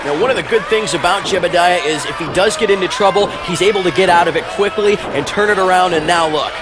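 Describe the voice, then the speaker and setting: A man's voice: sits high, fast. A man giving emphatic, opinionated color commentary on wrestling. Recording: loud crowd behind. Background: loud crowd.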